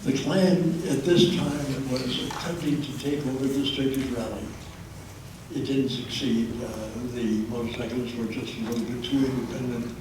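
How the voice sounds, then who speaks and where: Over background noise, a history presenter speaks at a moderate pace in a medium-pitched voice with fairly even intonation, filling his public talk with hesitant fillers. The audience hears him through a handheld mic that he holds low at times, captured from a distance in an echoey meeting room.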